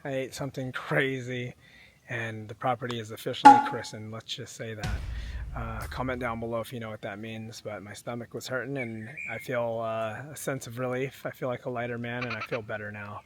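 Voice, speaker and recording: A man's voice: mid-range voice, fairly even intonation, brisk, crowd noise. A man talking to camera in a casual, joking vlog outdoors. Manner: joking, laid-back. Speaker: vlogger. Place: outdoors on a building site. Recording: outdoor noise.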